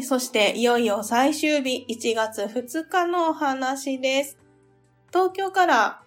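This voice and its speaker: A woman from the region of Japan, hosting her own podcast in a gentle, polite, chatty way with soft laughs. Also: fairly high pitch. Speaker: podcast host. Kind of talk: solo podcast chat, travel diary.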